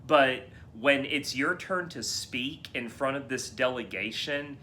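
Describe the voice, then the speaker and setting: A man co-hosting a casual podcast about a film, talking in long, animated runs full of restarts. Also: mid-range voice, a little slow, a little hiss or hum. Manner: animated, rambling with many restarts. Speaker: podcast co-host. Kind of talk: casual film discussion chat.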